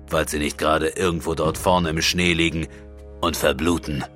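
A man's voice: rumbling low, level tone, moderate pace, a bit bright, soft background music. Man doing a growling, suspicious swordsman. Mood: gruff. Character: gruff, suspicious male swordsman.

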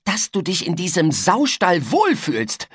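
A man doing a shrill scolding mother. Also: wildly swooping pitch, a little slow, slightly rough, dry recording, clean studio sound, heavily acted. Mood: nagging. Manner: scolding, exasperated. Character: nagging middle-aged mother.

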